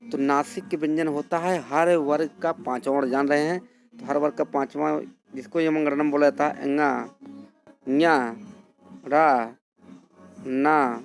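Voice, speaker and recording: A man's voice: fairly high pitch, a little mellow. A man teaching Hindi grammar, explaining step by step and asking and answering his own questions. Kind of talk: classroom lesson.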